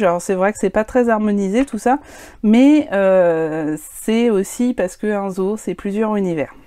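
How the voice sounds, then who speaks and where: A woman's voice: mid-range voice, darkish tone, no echo. A woman presenting her handmade scrapbook albums in a casual, hesitant way, with many fillers and some self-deprecating remarks. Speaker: scrapbooking vlogger. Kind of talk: casual show-and-tell of crafts.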